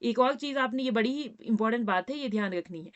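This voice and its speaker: A woman's voice: a little high, fast, highs cut off. A woman teaching a grammar lesson, patiently repeating points and checking in with her students. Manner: addresses students as "बेटा".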